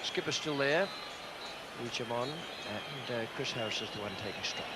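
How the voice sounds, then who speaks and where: A man's voice: mid-range voice, expressive, moderate pace. A man presenting and commentating on live cricket for a broadcast. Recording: very noisy outdoor stadium broadcast.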